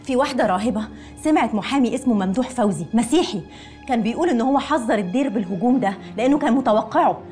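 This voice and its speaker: A woman's voice: a little high, expressive, rapid-fire, dark tone, faint music behind, lightly acted. An actress playing an outspoken, worried young woman in an Egyptian film. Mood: alarmed.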